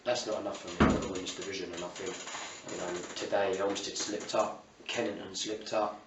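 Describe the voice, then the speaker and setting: Male football manager, south-east English British accent, low matey voice, interviewed on a distant mic. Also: flat delivery, brisk, music in the background. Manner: colloquial, matey, with frequent "you know". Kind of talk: post-match interview. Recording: roomy, distant mic, faint ambient noise.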